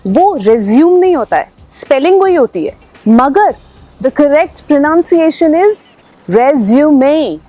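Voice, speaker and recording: A woman teaching English pronunciation, spelling words out letter by letter and repeating them slowly. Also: sits high, darkish tone. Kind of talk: scripted pronunciation lesson.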